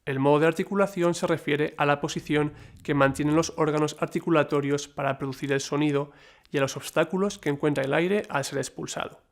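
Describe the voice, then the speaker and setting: A man reading a scripted lesson in a measured, explanatory way, with the odd slip and filler. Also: fairly high pitch, steady tone. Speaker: lecturer. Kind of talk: scripted educational narration.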